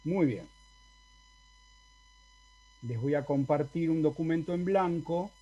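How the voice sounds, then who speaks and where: A man's voice: fairly high pitch, slow pace, warm tone, dull audio. A male university Latin teacher with an Argentine Spanish accent, explaining in an online lecture over a video call and often checking with the class. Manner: explanatory, asks the class for confirmation.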